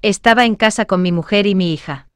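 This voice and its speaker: Woman reading phrases for learners, smooth crisp voice, dry close sound. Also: mid-range voice, no room sound. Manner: clear, measured, each phrase said twice. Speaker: Spanish phrase reader. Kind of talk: slow repeated phrase reading.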